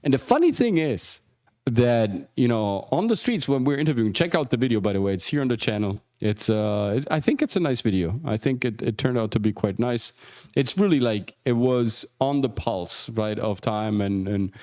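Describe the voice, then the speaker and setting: A man hosting a casual livestream as an acting coach, rambling with many restarts and asides and jumping higher for emphasis. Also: animated, moderate pace, a little mellow. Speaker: acting coach and show host.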